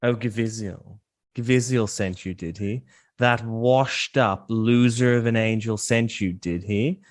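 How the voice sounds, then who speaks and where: A man voicing an arrogant male champion knight who talks with a slow, contemptuous drawl. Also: on the low side, no echo, clean studio sound, natural voice. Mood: sneering.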